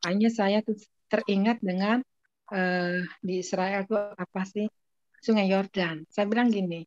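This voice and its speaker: Brief: woman guest, animated storyteller, dry and muffled video-call sound. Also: medium pitch, a little slow, dry recording. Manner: lively storytelling with frequent laughs. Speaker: testimony guest. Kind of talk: casual spoken testimony.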